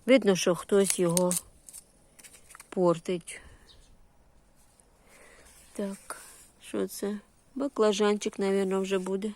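Her mid-range, slightly mellow voice barely rises or falls, moving slowly with frequent pauses. She's a woman touring her vegetable garden and greenhouse casually and without a script, speaking in short, homely phrases full of diminutives. Her accent is Ukrainian, with surzhyk words shaped by Russian.

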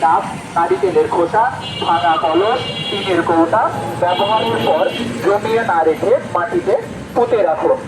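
A Bangladeshi man delivers a scripted public health announcement through a megaphone. His voice sits high for a man. The recording is noisy, as if made out on the street. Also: moderate pace. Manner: addressing residents through a megaphone. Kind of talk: read-out public service announcement.

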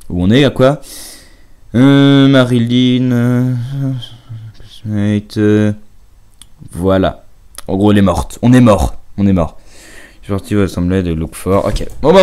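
A young man giving casual, halting let's play commentary, muttering to himself as he plays. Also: lowish voice, a little mellow, clear, resonant tone. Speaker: gamer commenting on own play.

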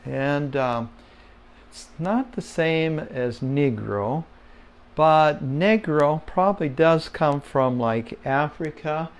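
Slow patient man teaching Spanish. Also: fairly high pitch, smooth. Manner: slow, patient, with many fillers; repeats words for the listener to say along. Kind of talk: casual home-made language lesson.

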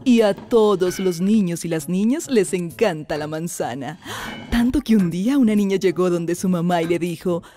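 A woman's voice: on the low side, normal speed, dark tone, natural voice. A woman voicing a cheerful talking apple who narrates a cartoon and tells jokes, speaking in an affectionate, theatrical way. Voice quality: affectionate, theatrical, blowing kisses. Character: cheerful talking apple, female, loves her audience. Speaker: narrator and joke teller. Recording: faint background music.

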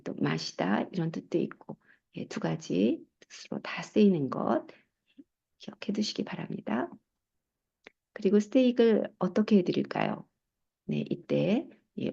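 Slow, gravelly-voiced woman teaching phrases. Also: lowish voice, warm tone, lo-fi sound. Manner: explains slowly, models English phrases with careful pronunciation. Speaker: English teacher and textbook author. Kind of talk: recorded language lesson.

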